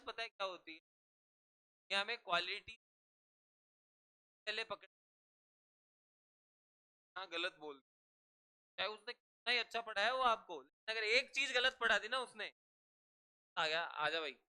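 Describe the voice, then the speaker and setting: Crisp, sharp-voiced male teacher. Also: sits high, measured pace, pauses often. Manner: drills students with repeated questions and call-and-response. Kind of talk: classroom lecture. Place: classroom.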